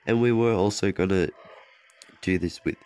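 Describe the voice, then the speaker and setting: His voice deep, darkish and slightly off from being sick, a young man comments at normal speed on his mobile gameplay recording for his channel. He's loose and rambling, correcting himself, trailing off and chuckling, with faint background noise.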